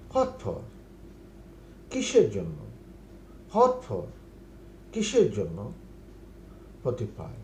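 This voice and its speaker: Slow-spoken Bangladeshi English teacher, echoey room. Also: male voice, a little high, dark tone. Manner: reads English phrases slowly and translates each. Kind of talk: numbered spoken English lesson. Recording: echoey room with faint noise.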